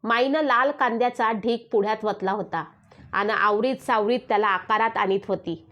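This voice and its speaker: A woman with a somewhat high voice reads a village story aloud, lifting her tone to voice market sellers and family members. The recording sounds dull and lo-fi, with the top end muffled. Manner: voices villagers with raised calls and dialect. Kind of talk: reading a Marathi rural story aloud.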